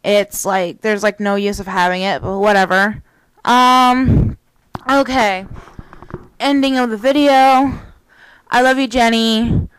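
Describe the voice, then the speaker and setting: A woman's voice: on the high side, steady tone, takes it slowly, clean tone, dry recording, poor audio. A woman vlogger in casual webcam chat, rambling and swearing freely, recorded on a cheap computer mic.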